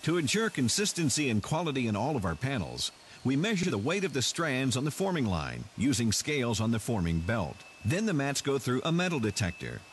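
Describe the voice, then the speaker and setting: A man narrates a scripted plant tour in a measured, explanatory way. His mid-pitched voice moves up and down in a lively way. Faint machinery noise sits behind him.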